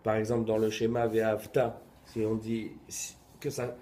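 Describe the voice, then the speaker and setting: A man's voice: fairly low pitch, completely flat delivery, moderate pace, dark tone, reverberant. A man, a student in a class, politely pushing back with questions. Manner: inquisitive, pushes back politely.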